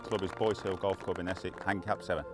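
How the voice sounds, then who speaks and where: A man's voice: low voice, level tone, quick pace, over music. A man in his thirties, an amateur golfer talking casually in a post-round interview. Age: 30s.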